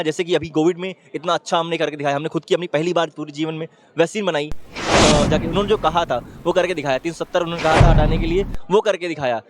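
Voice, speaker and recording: In a very noisy street interview, a man with a slightly high voice gives his opinion. He argues emphatically and keeps urging the listener to look.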